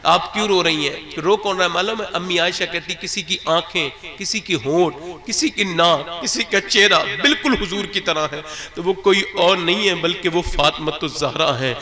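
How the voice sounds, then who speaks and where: Give me a male preacher with a high voice delivering an emotional sermon before a gathered crowd. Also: hardly any pauses. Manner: emotional, swelling to tearful pleading. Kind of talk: impassioned religious sermon. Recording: crowd of listeners behind.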